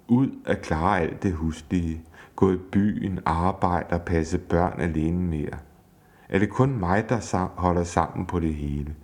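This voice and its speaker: A man's voice: low voice, dark tone. A man voicing an exasperated wife who scolds and swears at her husband, read aloud from a book. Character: fed-up wife, angry and nagging.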